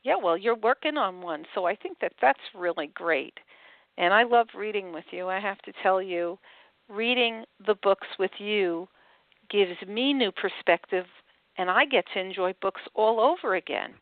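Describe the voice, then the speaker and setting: An older woman, an author and host, reads a picture book aloud with lively pitch swings and then chats warmly about it. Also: normal speed, no echo. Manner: animated storybook reading with wide pitch swings. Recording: tinny phone-like line, dry.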